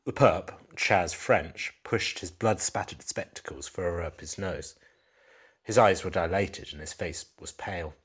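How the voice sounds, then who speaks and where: Husky, deep-voiced male story reader. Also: a little slow. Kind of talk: scripted narration of a crime story.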